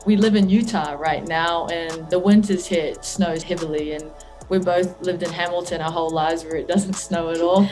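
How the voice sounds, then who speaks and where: A woman's voice: fairly low pitch, fairly even intonation, moderate pace, darkish tone, faint music behind. A young woman from New Zealand with a New Zealand accent, a college basketball player answering interview questions in an easygoing, thoughtful way. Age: young adult.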